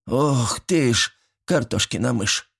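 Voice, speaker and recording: A man's voice: medium pitch, expressive, normal speed, creaky, a little mellow, breathy edge, voice pushed up. A man voicing a fussy, chatty old village woman who talks in a folksy way. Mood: fussing. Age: older.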